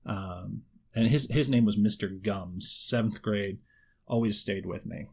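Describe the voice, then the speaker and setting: A man's voice: fairly low pitch, a little slow, fairly bright tone, slightly rough. A man in his thirties, a writer, talking casually in a conversation, rambling and often repeating words as he starts a thought. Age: 30s. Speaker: guest writer.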